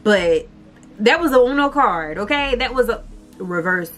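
A woman's voice: a little high, lively intonation, measured pace, soft background music. A young woman, a beauty vlogger chatting heartfelt to her viewers, calling them "y'all.". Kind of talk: casual chat to camera.

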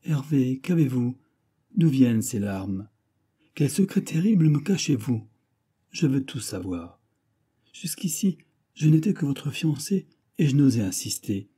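A man voicing a tender young noblewoman bride, pleading earnestly with her husband in a husky voice. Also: medium pitch, sing-song, a little slow, mellow, pitched above the performer's own voice.

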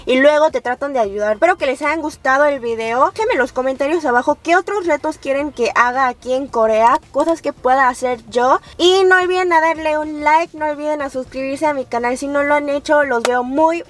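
A young woman with a Mexican Spanish accent, vlogging in a lively, slangy, chatty way from inside a car. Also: high-pitched, brisk, few pauses. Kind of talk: casual vlog talk. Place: in a car at a drive-thru.

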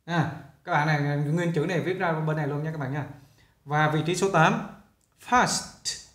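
A man talks through a lesson as a teacher, in a chatty, repetitive way. His voice sits a little high for a man. The recording has a roomy echo around it. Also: normal speed, a bit bright. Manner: chatty, repeats himself while explaining. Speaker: English teacher. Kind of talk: casual classroom explanation.

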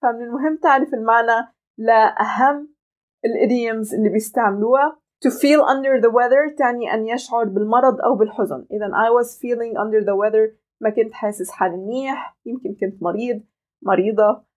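A woman with a Levantine Arabic accent giving an online language lesson, explaining step by step and slowly modelling English phrases. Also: fairly high pitch. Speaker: English teacher.

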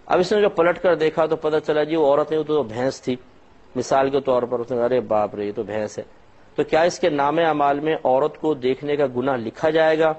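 A man's voice: a little high, fairly even intonation, a little mellow. A man, an Islamic scholar, giving a religious lecture and patiently explaining his points through step-by-step examples. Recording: slightly dull lo-fi recording.

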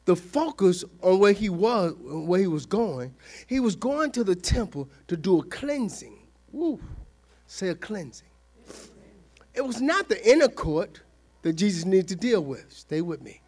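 Guy preaching hard, high voice, yelling then dropping to a whisper, makes the crowd say stuff back. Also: very animated, a little slow. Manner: fervent preaching with call-and-response; swings between shouting and near-whispering. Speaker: pastor. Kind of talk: sermon.

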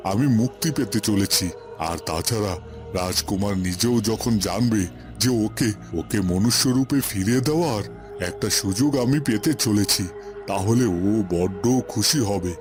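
A man with a voice on the low side plays a holy hermit in a cartoon fairy tale, remorseful but hopeful. He speaks solemnly in short, deliberate phrases.

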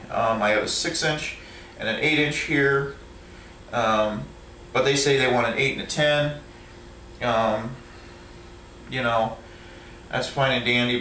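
A truck driver casually shows off his tools at home, filling his talk with ums and restarts. His voice is mid-range with a sharp tone, and the overhead camera a few feet away leaves him sounding distant and slightly off mic in an echoey indoor room with a little background noise.

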